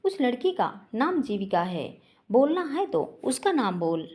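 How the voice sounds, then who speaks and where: A woman voicing a gentle, worried older mother who talks softly and tenderly to her son. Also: a little high, very animated, measured pace.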